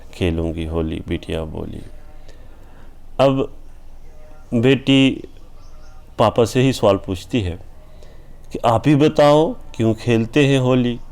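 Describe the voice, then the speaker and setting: A man from India who hosts a channel, reciting his own poem with repeated refrains and then talking about it plainly, pausing on "a" fillers. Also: sits low, creaky, a little mellow. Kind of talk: poetry recitation with spoken commentary.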